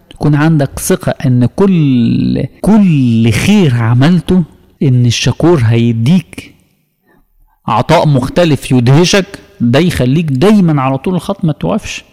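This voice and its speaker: Male preacher with an Egyptian accent, mid-pitched, emphatic lesson delivery, recorded with long hall reverb. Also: dark tone. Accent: Egyptian Arabic. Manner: emphatic, asks many rhetorical questions. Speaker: preacher teaching a creed course. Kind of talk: religious lesson.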